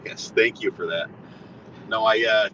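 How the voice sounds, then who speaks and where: A man's voice: on the low side, a little slow. A man talking in a good-natured, chatty way over a hands-free speakerphone from his moving car. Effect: hands-free car speakerphone call. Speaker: guest. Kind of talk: casual chat. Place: in a moving car on a long drive. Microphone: hands-free car phone. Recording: distant speakerphone with road noise.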